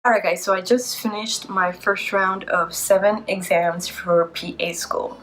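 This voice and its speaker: A woman in her twenties, a vlogger and PA student, chats casually and a bit tiredly to camera while congested from a cold. Her voice is medium-pitched, steady, measured in pace and a bit bright, though the recording is rough.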